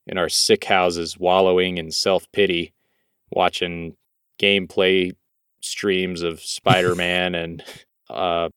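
Low, clear-voiced young man chatting casually. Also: flat delivery, takes it slowly, a bit bright, dry recording, clean studio sound. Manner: sweary, joking. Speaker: co-host of a gaming podcast. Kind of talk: casual banter and game chat.

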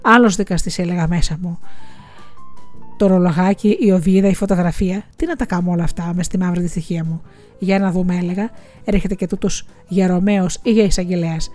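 A woman voicing a grieving, bitter widowed village schoolteacher in an audiobook, speaking in a quiet confessional way. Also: fairly low pitch, close to an everyday voice. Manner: quiet confessional, tearful, resentful. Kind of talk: audiobook reading.

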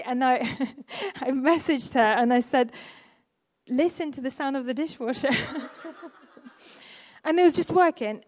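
A woman preacher with a high voice, reading scripture and then sliding into chatty testimony. She talks loosely, with fillers and restarts, in a church setting. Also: darkish tone. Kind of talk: sermon with personal testimony.

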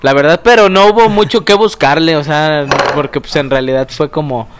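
A man's voice: a little high, normal speed, background noise. A man from a Mexican music group, telling his story in a casual interview, hesitant and full of fillers. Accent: Mexican Spanish. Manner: hesitant, many fillers, thoughtful. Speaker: musician guest.

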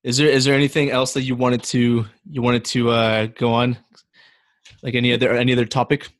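A man's voice: mid-range voice, level tone, brisk. A man hosting a casual chat, informal and agreeable as he responds and asks questions. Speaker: interview host.

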